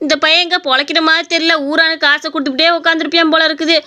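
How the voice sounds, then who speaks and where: A fussing middle-aged mother, voiced by a woman in a cartoon story. She scolds in a high, bright voice and talks fast with exasperation. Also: little pitch movement, a little hiss or hum. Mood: scolding. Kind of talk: animated story voice acting.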